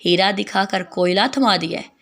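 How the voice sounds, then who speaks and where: A woman voicing a scheming, sharp-tongued middle-aged mother-in-law who scolds in a shrill voice. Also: steady tone. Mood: angry.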